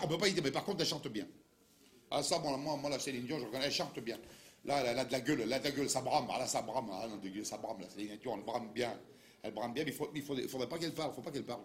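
A man's voice: mid-range voice, rapid-fire, a bit bright. A man with a Dauphiné French accent doing a comic monologue, rambling, repeating himself and stammering through restarts, full of regional slang. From Dauphiné, France. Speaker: comedian.

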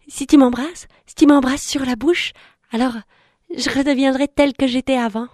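A woman voicing a small frog who says she is a bewitched princess, in a shrill, pleading, nagging voice. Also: fairly even intonation, unhurried, darkish tone, no room sound, clean studio sound. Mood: coaxing. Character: pushy little frog claiming to be princess.

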